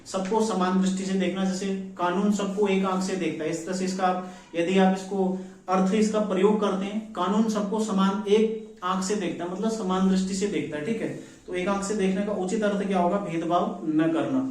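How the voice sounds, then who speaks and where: A man's voice: sits high, fairly even intonation, normal speed, darkish tone. A man working through exam practice questions as a teacher, who keeps asking a question and answering it himself. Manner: repeats "ठीक है" often, asks then answers himself. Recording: echoey room, voice from far off.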